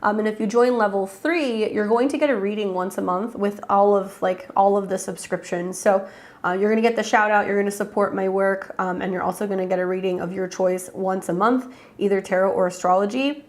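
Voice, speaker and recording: A woman with a head cold chats casually on a livestream, her voice congested, medium in pitch, fairly even in intonation and fairly quick. She's an astrologer hosting live readings and greets her viewers by name.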